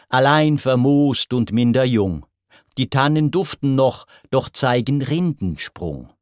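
Brief: stern cold god, read by a man, grave measured verse, very slow. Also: mid-range voice, no room sound, clean studio sound, voice pushed up. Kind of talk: verse poem recitation.

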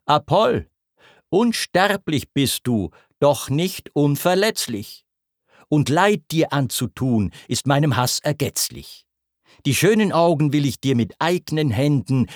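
A man's voice: fairly high pitch, expressive, slow pace, dry recording, studio quality. A man voicing a proud, vengeful goddess queen, declaiming verse with scorn. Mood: hateful.

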